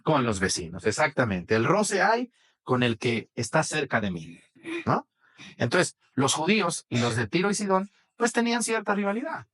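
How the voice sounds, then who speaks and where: A man's voice: a little high, big pitch swings, moderate pace, a bit bright. A man with a Mexican accent preaching a sermon, chatting with the congregation and asking them questions. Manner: conversational, asks the congregation questions. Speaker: priest.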